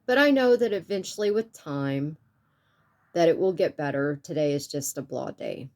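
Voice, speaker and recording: Low-voiced woman, halting and tearful. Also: lively intonation. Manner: halting, with many pauses and restarts; earnest and soft-spoken. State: stuffy sinuses. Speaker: YouTube art channel creator. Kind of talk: personal vlog talk to viewers.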